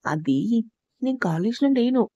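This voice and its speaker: A nervous young wife from a storybook reading, timid with a tart edge when she grumbles, as a woman narrator reads her. The voice is mellow and rather high, recorded close and dry. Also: very animated, unhurried, no echo, highs cut off.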